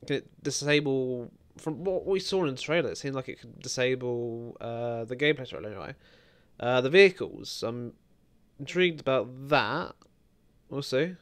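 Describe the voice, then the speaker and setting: A young British man giving casual, excitable reaction commentary on game trailers, swearing freely. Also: mid-range voice. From Britain. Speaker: gaming video host.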